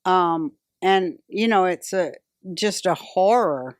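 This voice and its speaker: A woman's voice: fairly low pitch, expressive, slow, no room sound, clean studio sound. An older woman hosting a podcast, talking casually in a blunt, profane and opinionated way. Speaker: podcast host.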